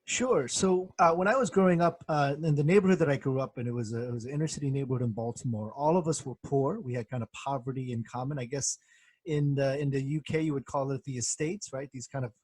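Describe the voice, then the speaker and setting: Measured, husky man. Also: mid-range voice, no room sound. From born in Korea, grew up in the United States. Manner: measured, reflective, many soft fillers. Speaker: guest, professor and former pastor. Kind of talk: thoughtful interview answers.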